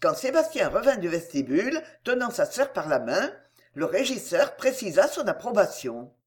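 A woman reading a novel aloud in an expressive narrating style. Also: mid-range voice, moderate pace. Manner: expressive, varied intonation. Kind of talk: audiobook narration.

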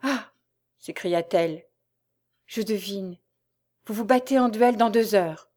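A woman's voice: medium pitch, takes it slowly, a little mellow. A woman voicing a jealous young masked woman at a ball, asking urgent questions. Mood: anxious.

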